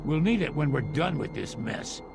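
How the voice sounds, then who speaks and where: Casting: crusty old troll keeper of scrolls, very gravelly, swinging pitch, game score behind. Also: male voice, very animated, normal speed, background noise. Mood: gruff. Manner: gravelly, boastful, rambling. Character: cranky old male troll scholar. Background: game music.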